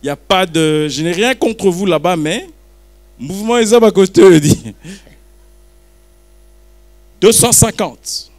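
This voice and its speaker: A man's voice: high-pitched, slow, pauses often, a little mellow. A man running a live auction at a book launch, calling and repeating bids while teasing the crowd. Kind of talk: joking live auction patter.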